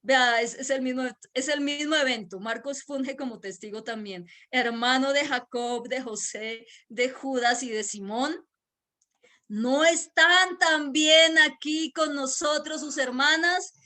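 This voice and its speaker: A woman's voice: high-pitched, unhurried, bright, forceful tone. A woman with a Boyacá Colombian accent preaching a virtual church sermon, emphatic, repeating key words and putting questions to her listeners.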